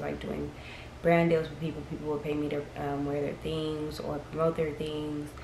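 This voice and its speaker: A vlogger in her early twenties chats casually to camera, rambling and frank. Her voice is low and fairly flat. The room echoes, and a clear hiss of noise sits behind her.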